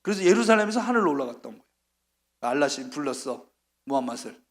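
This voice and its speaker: A high-pitched man delivers a sermon as a missionary preacher. He tells his story with animated energy and slips into acted-out voices for the people in it. He sounds middle-aged. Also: normal speed.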